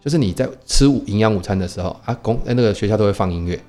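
A man chats on a podcast at a rapid clip, his voice sitting fairly low. He tells stories in an animated way, quoting people and throwing out rhetorical questions. Faint music plays underneath. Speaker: podcast co-host; teacher. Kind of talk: casual chat, storytelling.

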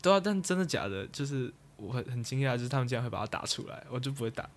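A man's voice: mid-range voice, sing-song, racing. A young man telling a rambling story as a podcast co-host, trailing off and restarting. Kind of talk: casual chat.

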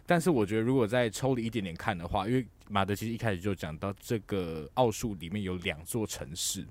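A man co-hosting a podcast in casual discussion, talking in an animated way and often ending his points with a tag question. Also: on the low side, fast talker. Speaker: podcast co-host.

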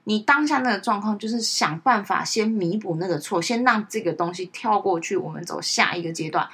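A woman's voice: mid-range voice, animated, a little fast, a bit bright, slightly rough. A young woman co-hosting a podcast in casual chat, talking emphatically and rising sharply when worked up. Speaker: podcast co-host.

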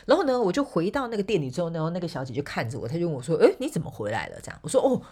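Chatty Taiwanese woman with a low, husky voice. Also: sing-song, racing, darkish tone. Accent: Taiwanese Mandarin. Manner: chatty, laughs often, gropes for words. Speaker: podcast host and motivational speaker. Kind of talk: casual solo podcast storytelling.

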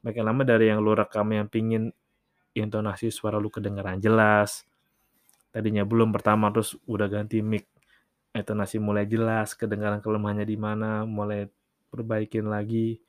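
A podcast host with a fairly low voice speaks briskly and with completely flat delivery, recorded cleanly in a studio with no echo. On his casual solo show he uses loose Jakarta slang and acts out short everyday dialogues.

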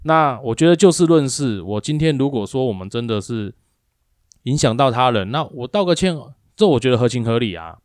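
A man recounts a clash at work with growing heat. He plays both himself and the other side. His voice sits at an ordinary middle pitch and is recorded dry and close, with no room sound. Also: brisk, no room sound. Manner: animated, acts out both sides of an argument with rising emphasis. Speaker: co-host of a speaking-skills livestream. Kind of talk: casual storytelling chat.

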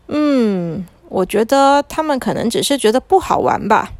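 A kindly storybook magician, breezy and reassuring, always ready to help, voiced by a woman narrator. He sits a touch high and speaks in a dry, close tone. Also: lively intonation, normal speed, darkish tone, no room sound, close to an everyday voice. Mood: easygoing. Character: kindly male magician in cloak and tall hat.

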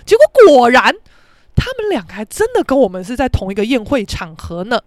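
Brash high-voiced Taiwanese woman. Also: sing-song, a little fast, no room sound, studio quality. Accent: Taiwanese Mandarin. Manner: brash, profane, dramatic, shouts out reenacted quotes. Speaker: podcast host. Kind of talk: casual storytelling monologue.

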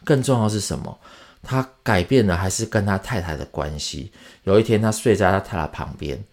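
A man, talking as host of a Bible show. He tells the story conversationally and lively, often turning to the listener with questions. It sounds like a friendly talk more than a stiff sermon. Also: lowish voice, a little fast.

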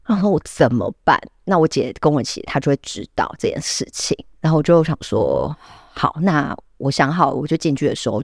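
A podcast co-host tells a long story in a Taiwanese Mandarin accent, restarting sentences with "then" and breaking into laughter. The voice sits at a middling pitch and sounds close and dry, with no room behind it. Other people get quick acted voices when quoted. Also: no room sound. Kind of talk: casual storytelling chat.

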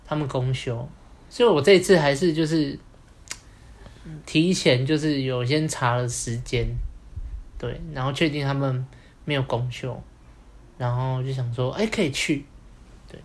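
A man's voice: mid-range voice, unhurried, long pauses. Rambling Taiwanese-accented young man storyteller. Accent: Taiwanese Mandarin. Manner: rambling, full of fillers like "对" and "然后". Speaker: podcast co-host. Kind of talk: casual storytelling chat.

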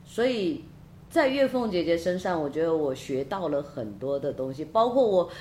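A woman hosting a podcast interview, talking in a halting way and repeating words while she looks for them. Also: on the low side, big pitch swings, mellow, a little hiss or hum. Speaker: podcast host. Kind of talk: casual interview chat.

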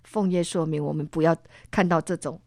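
A woman's voice: low voice, fairly quick, no room sound, studio quality. A middle-aged woman from Singapore with a Singaporean accent, a guest animatedly telling a faith story and acting out the people in it. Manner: animated storytelling, acts out voices.

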